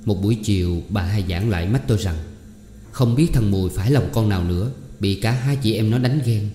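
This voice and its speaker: Male audiobook reader, even storytelling, mellow tone, echoey room. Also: lowish voice, brisk, slight background noise. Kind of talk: scripted narration of a novel. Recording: echoey room with long reverb.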